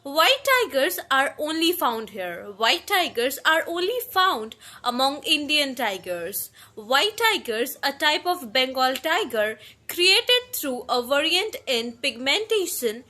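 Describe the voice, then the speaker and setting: A woman's voice: sits high, very animated, takes it slowly, few pauses, bright, forceful tone. A woman, a student presenter, reading facts from a script and repeating each point for emphasis.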